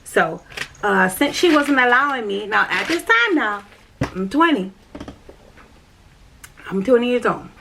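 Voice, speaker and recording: Against a noisy background, a woman vlogger shares her spiritual journey in a slightly high, sing-song, gravelly voice, speaking a little slowly and pausing often. She addresses viewers directly, rambling candidly with lots of fillers and repeats.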